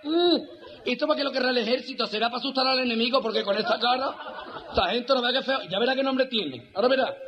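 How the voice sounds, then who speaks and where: A man's voice: very high voice, fast, crowd noise, pitched above the performer's own voice. A man doing a gushing, fussy army clerk. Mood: mocking. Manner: gushing, exclaiming. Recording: dull lo-fi sound.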